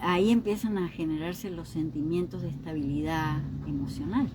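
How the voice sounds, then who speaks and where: A woman's voice: sits low, normal speed, heavy background noise. A woman giving an informal teaching talk on emotional healing. She keeps checking in with her listeners through short questions. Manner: acts out other people's remarks in quoted voices.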